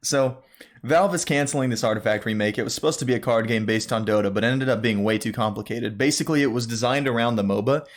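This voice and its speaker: A man's voice: medium pitch, fast. Rambling young man on a gaming podcast. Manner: relaxed, rambling with many fillers. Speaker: podcast co-host. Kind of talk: casual gaming news chat.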